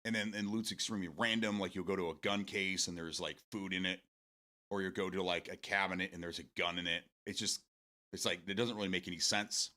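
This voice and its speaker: A man's voice: low voice, steady tone, fairly quick, pushed and bright. A man in his forties hosting a casual morning stream, rambling, repeating words and swearing casually as he answers viewer comments. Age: 40s.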